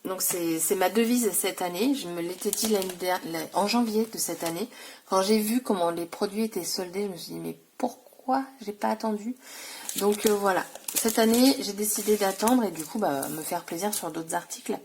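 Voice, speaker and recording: A woman's voice: medium pitch, moderate pace, darkish tone, a little hiss or hum. A woman vlogger showing off scrapbooking supplies in a casual, chatty way, full of fillers and self-corrections. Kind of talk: casual haul video.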